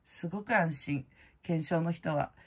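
A middle-aged woman hosting her own channel, chatting casually in a blunt, slangy way full of fillers, and loud-voiced by her own account. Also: low-pitched, measured pace, breathy edge. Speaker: prize-winning vlogger host. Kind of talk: casual chat.

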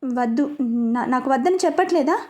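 A woman voicing a weak but defiant young woman in a storybook reading, speaking with a resentful, steady voice. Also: sits high, moderate pace. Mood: angry.

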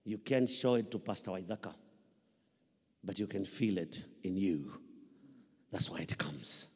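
Here the preacher's voice is low and a little breathy, with lively intonation and a slightly slow delivery. A middle-aged Kenyan pastor, he holds a microphone and drives home his sermon through repetition and questions that invite the crowd to answer. Sound carries through a large church hall's echoing PA system.

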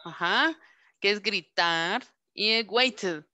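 A woman's voice: mid-range voice, sharp tone. Woman teacher drilling English verbs patiently. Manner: patient, repeats words slowly to drill pronunciation. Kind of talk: online class teaching.

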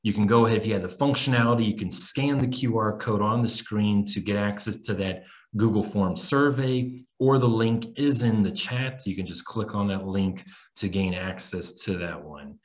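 A man's voice: on the low side, normal speed. Informal American man hosting a webinar. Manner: informal, addresses listeners as guys. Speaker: webinar host and English teacher trainer. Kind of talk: casual, encouraging webinar hosting. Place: small room on a video call.

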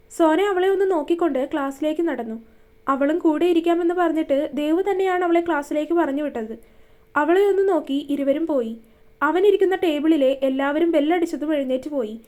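A woman's voice: high voice, darkish tone. A woman reading a romance story aloud, voicing every character's dialogue in her own voice. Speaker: narrator.

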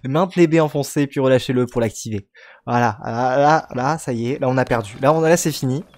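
A man's voice: medium pitch, fairly quick, darkish tone. A man in his twenties giving casual, rambling, playful commentary as he hosts a video game playthrough. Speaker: let's play host. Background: game music.

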